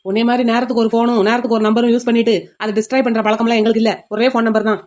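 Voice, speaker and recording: A blunt, scornful cartoon policeman, played by a woman fires off mocking threats at speed. The voice sits a touch high for a tough guy. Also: flat delivery, rapid-fire, darkish tone, lightly acted. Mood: stern. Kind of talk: cartoon voice acting.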